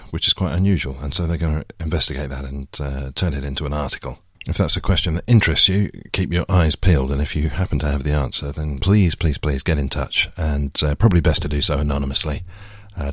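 A man's voice: a bass voice, fairly bright tone, no room sound. A man hosting a podcast, with a dry, self-mocking manner and whispered asides. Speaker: podcast host. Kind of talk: podcast monologue.

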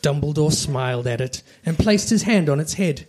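A man's fairly high, darkish voice with lively intonation carries a dramatic, storybook-style reading of comic fan fiction at a moderate pace. Faint background noise and clicks run through the recording.

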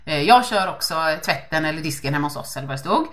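A woman co-hosting a podcast in casual chat, telling stories animatedly and acting out quotes. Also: sits low. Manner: animated storytelling, acts out quotes. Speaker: podcast co-host.

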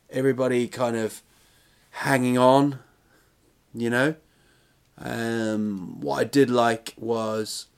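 A man in his forties hosting a solo podcast in a casual, meandering way, hesitant, self-deprecating and prone to swearing. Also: mid-range voice. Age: 40s. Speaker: podcast host and touring comedian.

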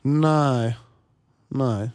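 Lively man telling stories, dry close sound. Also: mid-range voice, no echo. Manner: lively storyteller, swears freely, frequent restarts. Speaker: TV host and interviewee. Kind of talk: casual interview chat.

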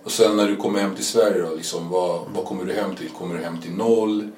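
Deep host, off-mic. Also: male voice, echoey room, far from the mic. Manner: brief encouraging backchannels and relaxed questions. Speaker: podcast host. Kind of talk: casual interview.

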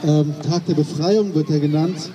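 A woman's voice: low voice, normal speed, dark tone, a little hiss or hum. A woman giving an informal public welcome speech as an event organiser. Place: outdoor urban square, heard from some distance. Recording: distant microphone, muffled outdoor pickup.

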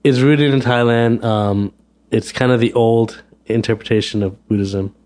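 Chatting casually as an interview guest, a restaurant owner from the United States keeps restarting and repeating words. His medium-pitched voice is a little mellow and a little slow, with fairly even intonation.

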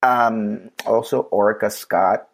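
A man's voice: fairly low pitch, fairly even intonation, slow, creaky. A man co-hosting a casual podcast chat, talking emphatically and laughing easily. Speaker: podcast co-host.

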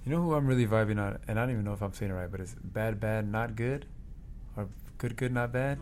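A man, a band member guest, telling animated and joking stories in an interview. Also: fairly low pitch, fast talker, slight background noise. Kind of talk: casual storytelling in an interview.

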